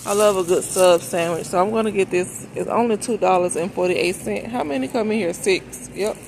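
Her voice is mid-range, creaky and darkish, and she speaks fairly quickly as she vlogs a shopping trip, walking through a large supermarket and musing aloud in a folksy, informal way. The handheld phone behind the camera also picks up the noisy store around her.

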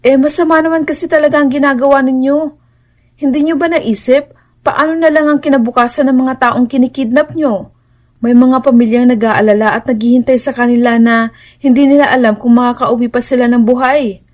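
A woman's voice: high-pitched, fairly even intonation, a little fast, darkish tone, voice pushed up, natural voice. A woman voicing a frightened but defiant young female captive who pleads and argues emphatically. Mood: indignant.

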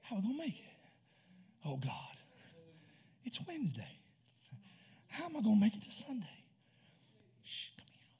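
A preacher putting on a worried father of the groom in a whispered role-play, voice dropped low and breathy. He rushes his words in anxious bursts. The voice stays high for a man. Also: huge pitch swings, full character voice. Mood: panicked. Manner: hushed, frantic whisper. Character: panicked father of the groom, middle-aged man.

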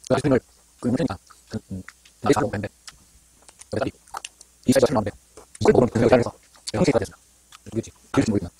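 A man chatting casually on an eating show, his mouth full of ice cream, his words muffled and halting. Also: lowish voice, a little mellow, slightly rough. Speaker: mukbang vlogger.

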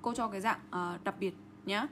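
A woman's voice: medium pitch, brisk. Young teacher lady with going thru test answers, keeps asking "got it?", slight background hiss. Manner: lively, checks in constantly with rhetorical questions. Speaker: English teacher. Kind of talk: exam answer walkthrough lesson.

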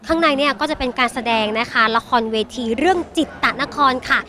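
Bright, upbeat female TV host. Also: sits high, a little fast. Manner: polite, upbeat, addresses viewers. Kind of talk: live event presenting. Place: exhibition hall.

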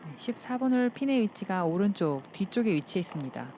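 A woman's voice: medium pitch, sing-song, a little fast, warm tone, slight background noise. A woman giving polite, explanatory analysis as a commentator on a live golf broadcast.

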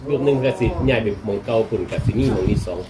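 Over a loud crowd, a monk with a lowish voice and an Isan accent from northeastern Thailand speaks in rapid-fire bursts. He's folksy and colloquial with the temple visitors, giving them blessings, in a noisy live recording full of ambient sound.

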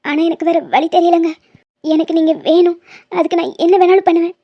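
Cartoon role: woman playing a scheming, lovesick young woman, very high voice, dull sound. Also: little pitch movement, brisk. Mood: remorseful. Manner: pleading, insistent.

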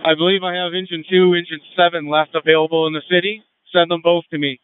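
Guy doing urgent firefighter radio, commander giving brisk orders, clear higher voice, thin radio sound. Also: flat delivery. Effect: two-way radio. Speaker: fire incident commander on radio. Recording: tinny narrow-band two-way radio.

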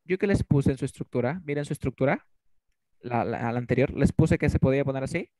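A man's voice: mid-range voice, fast, dark tone, no room sound. A man teaching an online English class in Spanish, drilling students with repeated questions. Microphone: video call.

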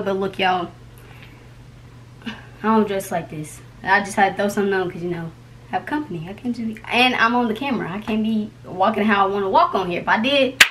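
A woman's voice: medium pitch, pushed and bright, slight background noise. A young woman hosting a casual vlog at home, talking to camera in playful, slangy, chatty patter. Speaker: YouTube vlogger host. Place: indoors at home.

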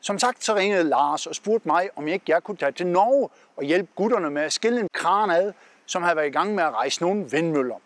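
This man in his forties, a trucker vlog host with a Southern Jutland Danish accent, has a high voice and lively intonation. He chats upbeat to camera outdoors by parked trucks, pointing while he talks, recorded on a lapel mic with no room sound.

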